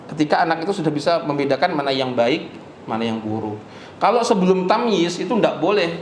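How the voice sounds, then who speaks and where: A man's voice: a little high, slight background noise. A man giving a mosque study lecture as an Islamic teacher, hesitating with fillers and answering his own questions. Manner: asks rhetorical questions and answers them. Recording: echoey mosque room.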